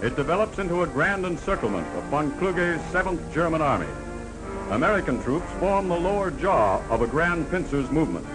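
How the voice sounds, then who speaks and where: Canadian male narrator for a 1940s newsreel, punchy and dramatic, over loud music. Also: on the high side, big pitch swings, fairly quick, rough recording. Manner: dramatic, declamatory, announcer-style delivery.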